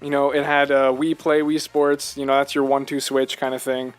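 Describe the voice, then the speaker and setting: Co-hosting a casual podcast discussion about video games, a man talks in an earnest, emphatic way and keeps asking rhetorical questions, yet his medium-pitched delivery is completely flat and brisk. Faint music sits behind him.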